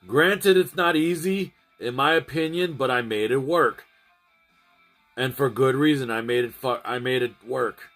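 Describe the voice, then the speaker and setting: A man's voice: medium pitch, measured pace, fairly bright tone, soft background music. Rambling man chatting to his stream. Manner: rambling, restarts and repeats phrases. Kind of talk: casual chat to a livestream audience.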